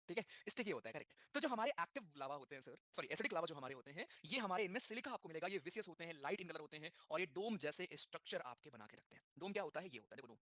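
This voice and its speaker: A man teaching a class, talking in a quick mix of Hindi and English, repeating key terms and asking the students questions. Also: high voice, bright, forceful tone, no room sound, studio quality. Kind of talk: classroom lecture.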